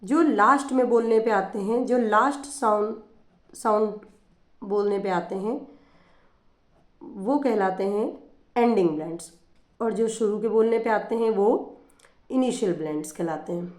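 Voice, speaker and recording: A woman's voice: medium pitch, measured pace, pauses often, echoey room. A woman teacher explaining phonics in a patient lesson, repeating examples as she goes.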